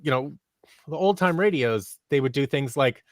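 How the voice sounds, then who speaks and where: This man in his thirties is an audio drama creator appearing as an interview guest on a video call from a small indoor office. He chats casually at a moderate pace in a mid-range voice with lively intonation, animatedly acting out snippets of imagined dialogue. He wears headphones and speaks into a close boom-arm mic, and the dry recording is studio quality.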